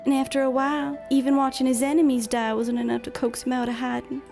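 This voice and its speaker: A woman's voice: sits high, level tone, fast, gravelly, a little mellow, soft background music, pitched above the performer's own voice. A woman voicing a gossipy old maid with an exaggerated put-on Southern belle drawl while reading game dialogue aloud. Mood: conspiratorial.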